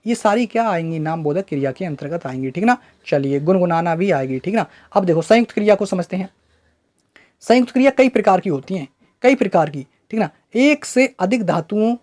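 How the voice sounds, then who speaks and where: Teacher asking quick rhetorical questions. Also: mid-range voice, darkish tone. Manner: quizzes listeners with rhetorical questions and answers them; keeps checking understanding with "right?" tags. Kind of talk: online exam-prep grammar lesson.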